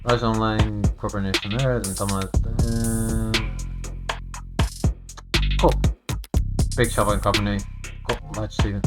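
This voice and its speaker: On a live stream with game music playing, a man reads a visual novel aloud in a lowish, level voice. He is a halting reader who stumbles over and rereads lines, breaking off now and then for offhand asides.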